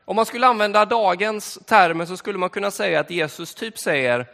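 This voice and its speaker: High bright-voiced preacher in echoing church. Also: male voice, vocal fry. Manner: conversational, relaxed storytelling with fillers. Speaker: pastor. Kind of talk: sermon. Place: church hall. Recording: long hall reverb in church.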